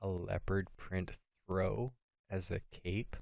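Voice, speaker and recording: A man's voice: low-pitched, steady tone, slow, vocal fry, no room sound, muffled recording. A young man chatting casually on a podcast, telling party stories with dry, swearing humor. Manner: swearing, storytelling, dry jokes. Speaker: podcast co-host. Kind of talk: casual chat.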